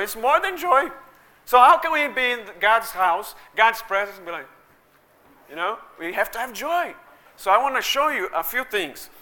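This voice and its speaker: With a high-pitched, bright voice, a man whose first language is Portuguese jokes his way through a lively sermon. He is animated and leads crowd chants in call-and-response fashion, using a handheld microphone.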